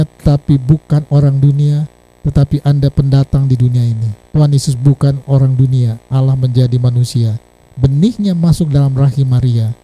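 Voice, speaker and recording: A man's voice: mid-range voice, warm tone, rough recording. A male pastor preaching a sermon in a storytelling way. He repeats phrases and asks the congregation rhetorical questions.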